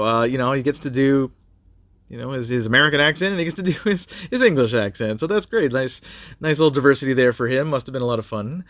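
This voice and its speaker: A man's voice: mid-range voice, fairly bright tone, dry recording. A man giving a casual spoken review of a TV episode, rambling with many fillers and restarts.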